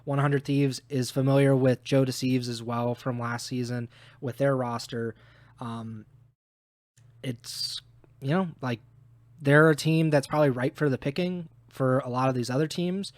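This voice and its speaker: A man's voice: mid-range voice, steady tone, measured pace, dry recording. A man co-hosting a podcast, giving blunt opinions on esports while losing his voice. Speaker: podcast co-host. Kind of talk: casual esports analysis chat.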